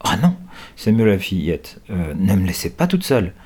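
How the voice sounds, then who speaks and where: A man's voice: low-pitched, very animated, normal speed, a little mellow, slightly rough, heavily acted. A man voicing a timid, tired young girl in a children's storybook, plaintive and whimpering.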